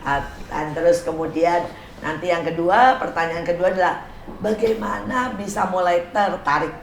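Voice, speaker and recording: A woman's voice: fairly low pitch, steady tone, normal speed, reverberant, a little hiss or hum. A woman hosting a casual interview show in a garden, chatty and teasing, asking many questions. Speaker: host. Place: outdoor garden.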